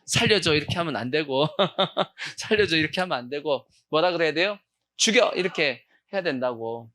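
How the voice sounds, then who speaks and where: Korean pastor preaching with rhetorical questions. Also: male voice, on the high side, normal speed. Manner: call-and-response questioning of the congregation; bursts into loud acted shouts. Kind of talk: sermon. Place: church sanctuary.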